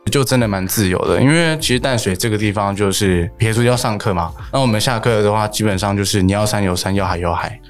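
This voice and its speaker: Fast-talking young Taiwanese man. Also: lowish voice, soft background music. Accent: Taiwanese Mandarin. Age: young adult. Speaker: student guest. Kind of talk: casual chat, anecdotes.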